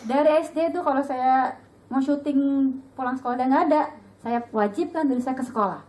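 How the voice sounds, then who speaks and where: High-voiced chatty woman teaching a group. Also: a little fast, low-quality recording. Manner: lively, chatty, acts out dialogue with sudden high pitch. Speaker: religious teacher at a women's study group. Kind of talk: casual religious talk to an audience.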